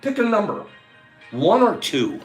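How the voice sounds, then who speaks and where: Male livestream host, casual chat, lively swooping pitch, slightly high voice, faint music behind. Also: a little slow. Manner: animated, chatty, reading out viewer names.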